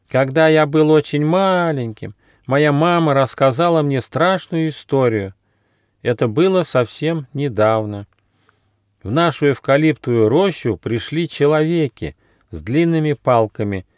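A man voicing a chubby, gentle, timid male koala cub in a storybook, drawn out and sing-song. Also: mid-range voice, dry recording, clean studio sound, voice pushed up, natural voice.

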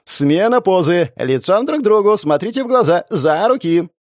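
A man's voice: high voice, very animated, moderate pace, no room sound, studio quality, voice pushed up. A man doing a gushing fashion photographer. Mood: excited. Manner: effusive, exclamatory, giving commands.

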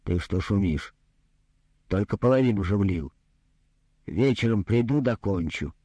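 A man doing a gruff greedy doctor. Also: lowish voice, lively intonation, unhurried, mellow, no room sound. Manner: brusque, condescending, grumbling. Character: greedy gruff male doctor, rude and businesslike.

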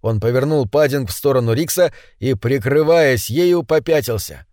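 A man narrating an audiobook with measured, dramatic reading. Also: medium pitch, lively intonation, darkish tone, dry recording, studio quality. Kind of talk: scripted narration.

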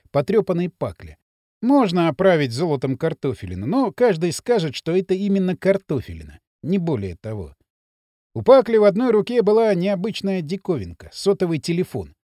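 A man narrating an audiobook with an expressive storytelling delivery. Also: high-pitched, moderate pace, no echo, studio quality.

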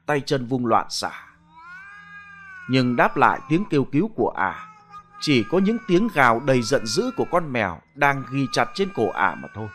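A man's voice: medium pitch, slight background noise. Man narrating a horror story dramatically. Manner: dramatic, animated. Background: soft background music.

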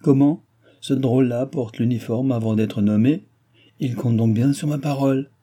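A bored, teasing aging king, read by a man in a husky, dark voice. He talks in a languid, bantering way, a little brighter than plain narration. The scene comes from a storybook reading. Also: medium pitch, steady tone, normal speed, lightly acted.

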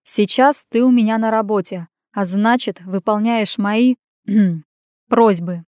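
This is a gruff, bossy grown man with a beard, as a woman narrator reads him in an audiobook. He talks bluntly and teases, in a medium voice with no added color. The sound is dry and close. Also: mid-range voice, steady tone, a little slow, darkish tone, no echo, close to an everyday voice.

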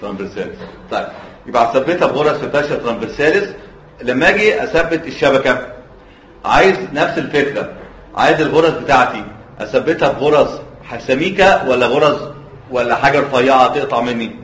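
Animated and quick, a man with an Egyptian Arabic accent lectures on surgery in a medium-pitched, slightly bright voice, quizzing the class and letting students finish his thoughts. The recording, made in an echoey lecture hall, sounds dull and lo-fi with slight background noise.

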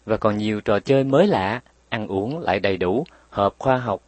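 A man voicing a tender but firm mother who explains patiently and scolds gently, in a raised voice. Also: lowish voice, lively intonation, moderate pace, no echo.

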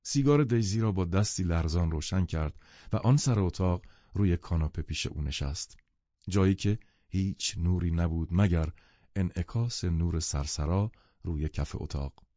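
A man reading a novel as an audiobook narrator in measured, even storytelling. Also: low voice, dry recording. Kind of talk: scripted literary narration. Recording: dull lo-fi studio recording.

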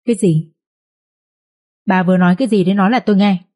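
A woman voicing a stern, furious older village father who barks harsh scolding at his family, in a husky voice. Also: medium pitch, quick pace, a little mellow, lightly acted. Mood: raging.

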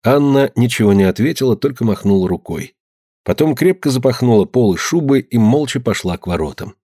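A male audiobook narrator telling a village tale in an even, measured manner. His voice sits at a middle pitch, and the recording is close and dry, with no room sound. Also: breathy edge, no echo.

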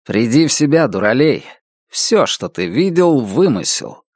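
A man's voice: medium pitch, very animated, unhurried, a little mellow, no echo, clean studio sound. A man reading an audiobook voices a stern young male violinist who speaks curtly and commandingly. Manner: curt, commanding.

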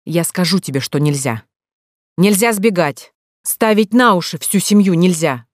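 An audiobook narrator voicing an angry young man scolding his runaway teenage sister, loud and insistent, in a dry recording. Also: mid-range voice, normal speed, husky, dry recording, lightly acted. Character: angry older brother, young man, stern and commanding.

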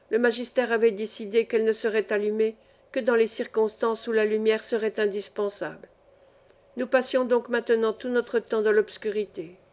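A woman's voice: a little high, a little mellow. Woman narrating a classic novel. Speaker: audiobook reader.

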